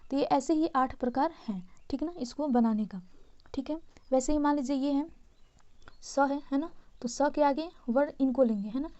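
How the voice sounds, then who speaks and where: High-voiced woman teaching grammar. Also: normal speed, dark tone. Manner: patient, checks in often with "है ना" and "ठीक है". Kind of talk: explaining grammar notes. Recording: dull lo-fi sound.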